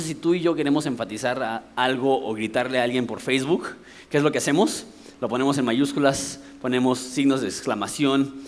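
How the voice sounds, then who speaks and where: A pastor from Mexico gives a sermon from the pulpit, his medium-pitched voice accompanied by a little hiss or hum. In a Mexican Spanish accent, he explains his points conversationally and asks rhetorical questions.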